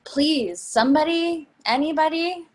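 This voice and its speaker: A woman's voice: sits high, very animated, normal speed, husky, heavily acted. A woman playing a middle-aged beggar on a subway in a stage reading, pleading in a sympathetic but rehearsed way. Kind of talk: readers theatre stage reading.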